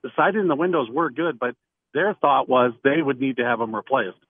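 A man's voice: medium pitch, fairly quick, slightly rough, dry recording. Man on a crackly phone line. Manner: rambling, loose, full of fillers and restarts. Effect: crackly phone line that fades in and out. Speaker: realtor calling in to a radio show. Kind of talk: casual phone-in chat. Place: outdoors in the mountains. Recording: tinny, narrow phone line.

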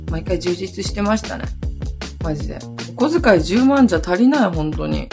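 A woman around thirty hosting her own podcast, hoarse today and chatting in a lively, rambling way with many asides. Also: lowish voice. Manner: chatty, animated storytelling with lots of asides. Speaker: podcast host. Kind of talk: casual solo podcast chat.

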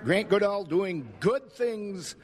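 American guy radio host doing an interview, voice a bit on the high side. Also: expressive, takes it slowly. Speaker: radio host and fair reporter.

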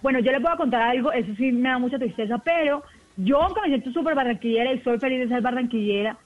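A woman from the Colombian Caribbean coast with a softened coastal accent, a TV news presenter chatting quickly as a radio guest. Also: on the high side, lively intonation. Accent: Colombian coastal Spanish, softened. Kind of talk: casual radio chat. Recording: tinny phone line, dry.

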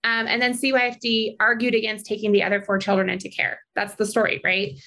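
A woman's voice: medium pitch, little pitch movement, pushed and bright, rough recording. A woman speaking as a guest advocate for child welfare, urgent and persuasive. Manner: urgent, persuasive, fast-talking. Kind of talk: interview guest.

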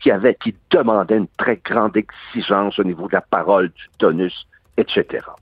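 A man's voice: on the low side, moderate pace, breathy edge, no room sound. An older man with a Québécois accent, a guest actor explaining at length, emphatic and long-winded in a radio interview. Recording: dry phone-like radio sound.

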